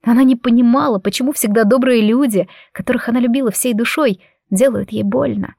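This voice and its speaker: A woman reading a first-person audiobook story in an expressive, emotional way. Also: a little high, brisk, vocal fry, no echo, studio quality. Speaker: audiobook narrator.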